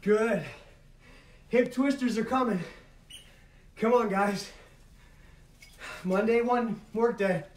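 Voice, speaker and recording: A man's voice: high-pitched, slow pace, pauses often. A middle-aged man calling out moves as an aerobics instructor, urging and motivating while he exercises. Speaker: fitness instructor leading a home workout. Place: carpeted living room at home. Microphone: camera several metres away. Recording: echoey room, distant mic, noisy.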